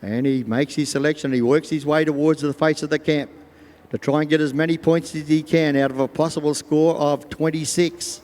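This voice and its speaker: Echoing Australian male arena announcer, higher-pitched. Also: fairly even intonation, moderate pace, darkish tone. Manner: folksy, voices imagined thoughts of riders and animals. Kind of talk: live sport commentary over public address. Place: large show arena over loudspeakers. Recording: echoing stadium PA, long reverb.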